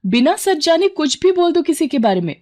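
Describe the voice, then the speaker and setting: A woman's voice: a little high, very animated, normal speed, a little mellow, pitched above the performer's own voice. A woman voicing a sensible young village woman who speaks earnestly and firmly. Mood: angry. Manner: earnest, firm.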